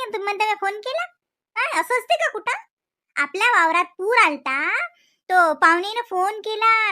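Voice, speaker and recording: A woman voicing a sharp-tongued village wife in a cartoon, with an indignant, scolding manner. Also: no echo, clean studio sound. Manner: scolding, indignant, high and shrill.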